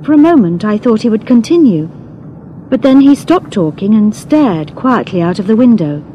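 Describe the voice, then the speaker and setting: A woman narrating a first-person story in a measured, expressive reading. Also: a little high, lo-fi sound, a little hiss or hum. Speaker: audiobook narrator.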